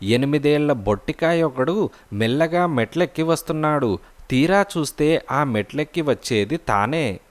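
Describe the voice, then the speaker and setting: A man's voice: a little high, animated, moderate pace. Man narrating a storybook audiobook.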